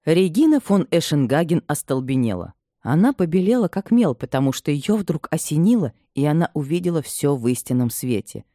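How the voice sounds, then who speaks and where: A woman reading a novel aloud as an audiobook narrator, in an expressive, dramatic manner. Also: low-pitched, a little fast, no room sound, studio quality. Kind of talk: scripted literary narration.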